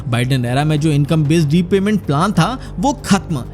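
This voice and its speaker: A man with a high-set voice reads a scripted news explainer. He delivers it with dramatic, punchy emphasis. Soft music plays faintly beneath his narration. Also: expressive, normal speed.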